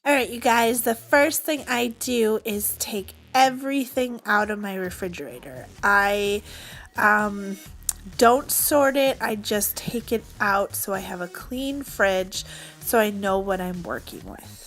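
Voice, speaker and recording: A woman's voice: mid-range voice, animated, a little slow, a bit bright. A young woman vlogging as she cleans her fridge, chatty and upbeat, talking straight to her viewers while her voice is partly gone. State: voice partly lost. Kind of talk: casual cleaning vlog.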